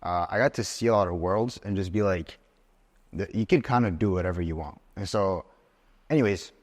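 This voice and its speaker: A man's voice: low-pitched, a little fast. A man around twenty, from Switzerland, talking as a guest in a casual podcast conversation, rambling and saying "like" a lot. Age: 20s. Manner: rambling, loose, says "like" a lot. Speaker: interview guest.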